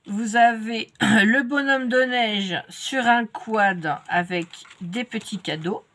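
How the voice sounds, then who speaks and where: A woman's voice: fairly high pitch, takes it slowly, a bit bright. A woman with a French accent and a stuffy nose from a cold, chatting casually as she unboxes craft kits. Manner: chatty, many fillers and restarts. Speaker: crafts vlogger.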